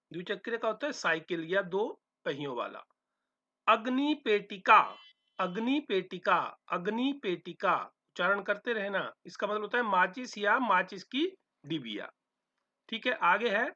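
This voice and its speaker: Guy teaching sanskrit really slow, says each word a few times, bright voice, kinda muffled lo-fi recording. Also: high voice. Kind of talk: recorded lesson explaining a textbook chapter. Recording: dull, lo-fi sound.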